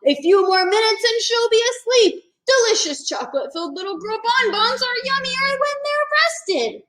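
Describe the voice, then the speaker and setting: A woman's voice: very high-pitched, animated, moderate pace, a bit bright, voice pushed up. A woman voicing a gloating, hungry dinosaur villain with a cackling manner, heard in an echoey room.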